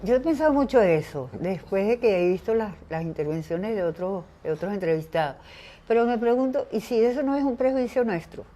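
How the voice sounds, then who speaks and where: An older woman from Venezuela, speaking as an interview guest in a reflective conversation, pausing often to search for her words. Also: medium pitch, mellow, lo-fi sound. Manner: thoughtful, pauses to search for words.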